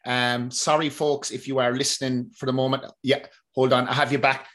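A man's voice: mid-range voice, level tone, brisk, a bit bright. A man, hosting a podcast, chatty and joking with casual swearing. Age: 30s. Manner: chatty, swears, jokes about himself. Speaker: podcast host. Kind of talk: casual interview chat.

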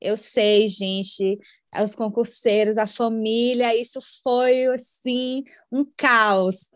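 A woman's voice: fairly high pitch, fairly even intonation, slow, no echo, studio quality. Talkative woman in her twenties. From Brazil. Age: 20s. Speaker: podcast guest. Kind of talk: casual interview chat.

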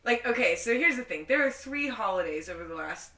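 A woman's voice: mid-range voice, expressive, a little fast, sharp tone. A woman chatting casually as a podcast co-host, blunt and sardonic, swearing freely. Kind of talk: casual chat. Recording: roomy echo, slightly distant mic.

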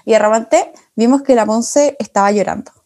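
A young woman with a Chilean accent, co-hosting a casual chat, joking around and chiming in with quick agreements. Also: a little high, darkish tone. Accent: Chilean Spanish. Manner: joking, chimes in with short agreements. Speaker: podcast co-host.

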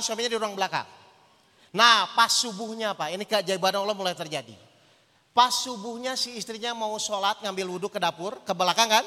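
A male Islamic preacher giving an animated sermon, telling a story and often questioning his audience. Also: extremely high pitch. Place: hall with an audience. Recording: long hall reverb.

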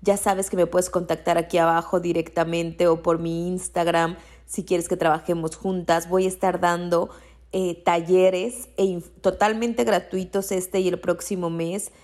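A woman's voice: lowish voice, flat delivery, measured pace, a little mellow. A woman with a Mexican accent, a coach for women entrepreneurs, giving motivational podcast talk in an encouraging way and repeating her key phrases.

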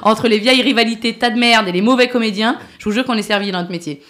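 A woman delivering a comic rant column on a talk show, exasperated and swearing as she vents. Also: a little high. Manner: fast, exasperated, swearing, animated. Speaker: comedy columnist. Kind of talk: ranting comic chronicle.

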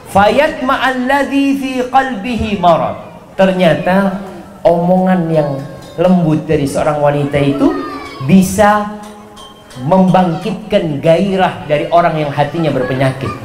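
A man preaching a sermon in an animated way, swinging his pitch and volume for emphasis. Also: roomy sound.

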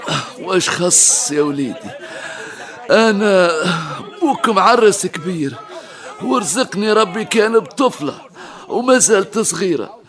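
Old Tunisian woodcutter, high-pitched, plaintive, weary, humble, radio folk drama. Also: male voice, expressive, measured pace, fairly bright tone. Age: older. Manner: plaintive, resigned.

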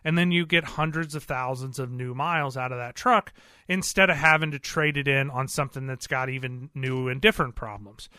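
A man's voice: mid-range voice, brisk, sharp tone, clear, resonant tone, dry recording, clean studio sound. A man who owns an auto repair shop, talking in an earnest, plain-spoken and rambling way, with many fillers. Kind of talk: casual interview talk.

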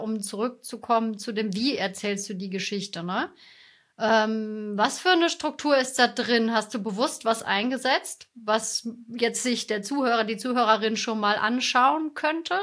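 A woman's voice: fairly high pitch, a bit bright. A woman hosting a podcast interview, listening closely and asking follow-up questions. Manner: attentive, asks follow-up questions. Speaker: podcast host.

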